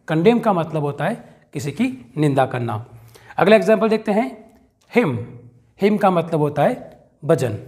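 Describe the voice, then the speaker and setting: A man, teaching an English lesson step by step and calling his viewers friends. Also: high-pitched. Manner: explains rules step by step, addresses viewers as friends.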